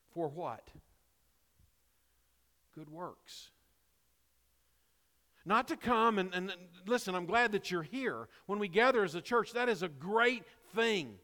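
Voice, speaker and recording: Hoarse pastor preaching in a reverberant church. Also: male voice. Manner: impassioned preaching, swinging from loud emphatic lines to quiet low asides. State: hoarse, losing his voice. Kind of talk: sermon. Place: church sanctuary. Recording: long reverb of a large hall.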